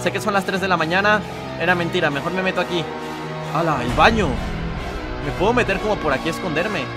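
A young man doing let's play commentary, playful and given to dramatic shouted outbursts. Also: high-pitched, fast talker. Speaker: gaming YouTuber. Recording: game music playing behind the voice.

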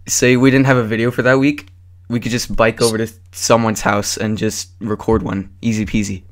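A man's voice: on the low side, little pitch movement, moderate pace. A teenage boy co-hosting a casual podcast, easygoing and laughing, with lots of "like.". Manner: easygoing, laughs a lot, says "like" a lot. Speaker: podcast co-host. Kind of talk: casual chat.

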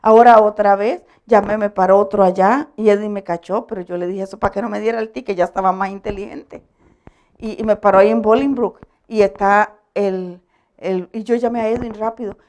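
A woman pastor giving a conversational sermon, telling animated stories, laughing often and checking that her listeners agree. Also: mid-range voice, a little fast. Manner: animated storytelling, asks the audience for agreement; laughs often while preaching.

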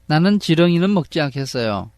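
A stubborn young boy from a storybook, read by a man. Each line comes slowly and emphatically, in a lively, higher voice, with dry close sound. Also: no room sound. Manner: slow, emphatic read-aloud.

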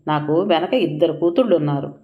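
A woman's voice: deep voice, fairly quick, highs cut off, close to an everyday voice. A woman voicing a haughty, status-proud middle-aged mother who talks in a sarcastic, dismissive way, in a narrated audio story. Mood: scornful.

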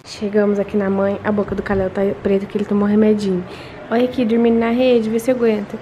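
A woman's voice: mid-range voice, level tone, fast, muffled recording, music in the background. A young woman from Brazil vlogging at home, chatting with her viewers and telling them about her day step by step on a handheld camera. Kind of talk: casual family vlog narration. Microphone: handheld vlog camera.

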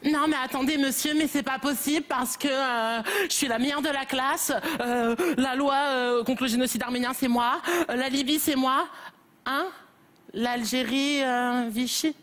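A comedian voicing a squabbling bunch of whiny young schoolchildren in a stage sketch, pleading and protesting. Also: male voice, extremely high pitch, steady tone, a little slow, fairly bright tone, voice pushed up. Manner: pleading, whiny, talking over each other.

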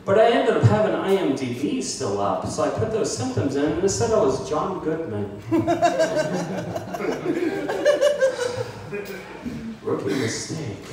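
A man in his thirties doing a self-deprecating stand-up comedy set in a small bar, with a handheld mic, filmed from the audience. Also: high voice. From United States. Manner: self-deprecating, animated, puts on voices for bits. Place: small bar with brick walls, indoors. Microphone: handheld mic, filmed by a phone from the audience. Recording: echoey bar from far off. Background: audience laughter.

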